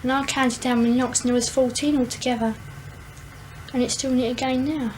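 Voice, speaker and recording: A woman's voice: high voice, flat delivery, fairly quick, a little mellow, slight background noise, rough recording. A woman, answering an interviewer's questions at home in a plain, matter-of-fact way.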